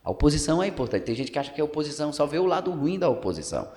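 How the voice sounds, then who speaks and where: Racing along with big pitch swings, a man with a high-leaning, darkish voice gives easygoing political commentary as a podcast guest. He's a local journalist in his thirties from Pernambuco, Brazil, who explains at length using many fillers and tag questions, recorded in a council building room with long hall reverb.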